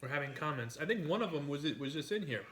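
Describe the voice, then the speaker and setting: A man's voice: fairly high pitch, lively intonation, fast, fairly bright tone, a little hiss or hum. A man hosting a casual livestream over a meal, talking in a frank, sweary way. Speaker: livestream host.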